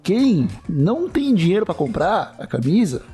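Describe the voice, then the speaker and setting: A Brazilian man with a raspy smoker's voice, hosting a casual podcast with playful, irreverent, slangy banter. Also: high-pitched, very animated, moderate pace, mellow. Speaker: podcast host.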